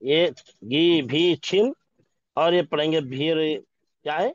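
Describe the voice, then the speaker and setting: Guy teaching urdu, bit high voice, quizzes the class as he goes. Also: dry recording, highs cut off. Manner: slow, repeats each word and asks questions. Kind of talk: classroom lesson.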